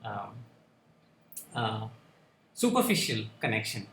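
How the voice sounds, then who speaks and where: A man speaking on a panel discussion, halting and full of fillers and restarts. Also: on the low side, sing-song, a bit bright, a little hiss or hum. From India. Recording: echoey room with faint ambience.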